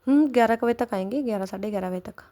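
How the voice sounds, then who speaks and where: A woman's voice: on the high side, very fast, dark tone, natural voice. A woman voicing an eager young woman who chats happily.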